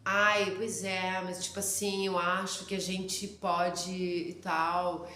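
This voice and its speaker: A woman's voice: lowish voice, level tone, takes it slowly, sharp tone, a little hiss or hum. A woman mimicking a drawling, vague woman from the state capital, lazy and meandering in speech. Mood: languid. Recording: roomy echo.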